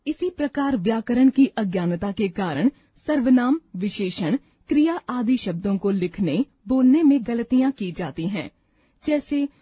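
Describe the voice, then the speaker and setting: Woman, textbook lesson narrator, dry studio read, warm and unhurried. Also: fairly high pitch, breathy edge, no room sound. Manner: slow, careful reading of word pairs.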